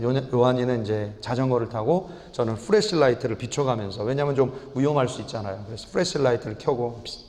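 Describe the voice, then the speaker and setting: A man's voice: medium pitch, darkish tone. A middle-aged male pastor preaching a Sunday sermon and telling a personal story earnestly, with frequent restarts. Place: church sanctuary. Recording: church hall reverb.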